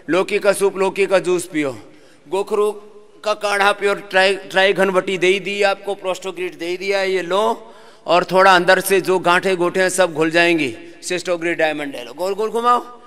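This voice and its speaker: Male yoga teacher leading a class, high clear voice, lively and joking. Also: moderate pace. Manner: lively, sings verses, jokes with class. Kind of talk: live yoga class instruction and talk.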